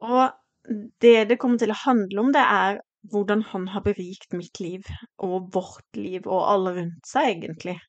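A woman's voice: mid-range voice, steady tone, no room sound, dull audio. A woman in her forties speaking a heartfelt, reflective personal podcast monologue, with hesitant fillers and restarts. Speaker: podcast host.

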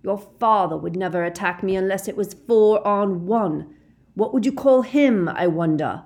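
A woman voicing a sneering, commanding male wizard villain, shouting contemptuous taunts in a dramatic audiobook style. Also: deep voice, normal speed, vocal fry. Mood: bitter contempt.

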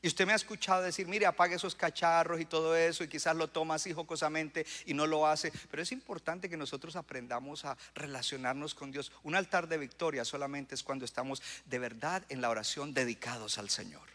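Bright-voiced preacher man, echoing hall. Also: fairly high pitch, fairly even intonation, fairly quick, few pauses. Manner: preaching with rising bursts of emphasis and audience call-outs. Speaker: pastor. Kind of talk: sermon. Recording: long hall reverb.

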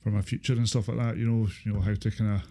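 Low, even-toned Scottish man, halting delivery. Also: creaky. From Inverness, Scotland. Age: 30s. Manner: halting, repetitive, hedging with filler phrases. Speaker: interview guest, former supported-housing tenant. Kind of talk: casual interview, personal recollection.

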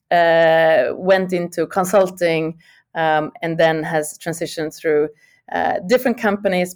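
A middle-aged Swedish woman is a guest in a podcast interview, speaking thoughtfully with many fillers and restarts. Her voice is fairly low, creaky and a little mellow.

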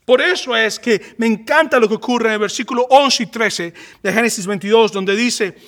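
A male preacher delivers a passionate sermon. His voice sits high for a man and rings bright and forceful. He swells to emphatic peaks. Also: moderate pace. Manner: impassioned, rising to emphatic peaks.

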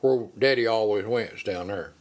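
A man's voice: on the low side, moderate pace. Older Appalachian man, folksy talker. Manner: folksy rural phrasing. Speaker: interviewee recalling childhood. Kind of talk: casual oral-history reminiscence.

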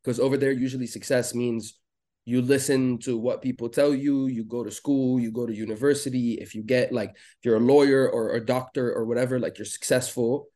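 A man from Lebanon talking as a podcast guest in a relaxed, rambling way with lots of fillers. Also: medium pitch, fairly quick. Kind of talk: casual interview chat.

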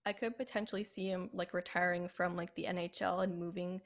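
A woman's voice: lowish voice, steady tone, brisk. A young woman co-hosting a hockey radio show, talking in an easygoing way and often saying "like". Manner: easygoing, leans on "like" as a filler. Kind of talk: casual sports chat.

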